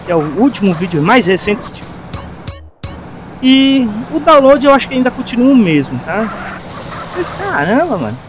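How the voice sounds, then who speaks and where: This Brazilian host of a gaming video comments casually on gameplay with slang and frequent tag questions, his very high voice swinging widely in pitch at a moderate pace with long pauses. Soft music plays, alongside noisy game traffic and car sounds.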